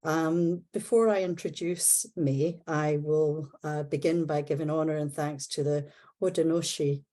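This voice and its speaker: A Scottish woman introducing a speaker at an academic seminar, careful, with filler pauses. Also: sits low, steady tone, mellow. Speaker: seminar host.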